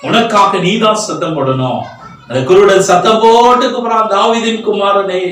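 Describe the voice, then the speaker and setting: A man's voice: sits high, very animated, moderate pace, fairly bright tone, far from the mic, a little hiss or hum. A man preaching a sermon, building fervent runs of repeated phrases. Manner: fervent, rising and falling emphasis. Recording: echoey hall, voice from afar.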